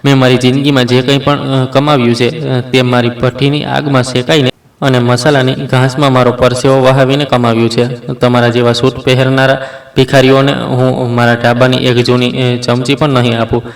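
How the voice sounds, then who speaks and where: A man voicing a defiant old woman, a betrayed mother, in a flat, steady voice. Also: mid-range voice, normal speed, natural voice. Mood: furious defiance. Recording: roomy echo, mic at a distance.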